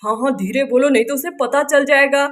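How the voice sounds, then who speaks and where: A sly village uncle plots his revenge in a doll story, voiced by a woman. His voice sits fairly high, and he talks in a slow, scheming way. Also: lightly acted. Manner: sly, plotting.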